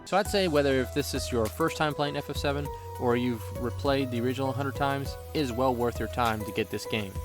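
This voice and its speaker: Speaking a little fast and with few pauses, this medium-pitched man delivers a scripted video game review. His manner is playful and full of jokes, and music runs under his voice throughout.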